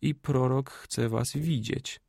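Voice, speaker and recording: A scheming Greek adviser who talks low and slow to win a boy over, as a man puts him on in an audiobook. His voice drops below the narration, quiet and coaxing. The recording is dry and close. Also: fairly even intonation, creaky, no room sound, exaggerated voice. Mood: hushed persuasive.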